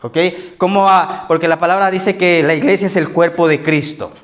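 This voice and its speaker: Pastor with a lively conversational preaching voice. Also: male voice, fairly high pitch, normal speed. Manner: conversational preaching, frequent "¿ok?" checks. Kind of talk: sermon.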